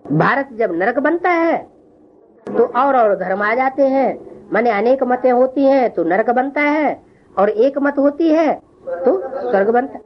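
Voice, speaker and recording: Lady teaching a spiritual class, keeps asking the room questions, higher voice, kinda muffled recording. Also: expressive, takes it slowly. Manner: questioning, teasing listeners. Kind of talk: religious scripture lesson.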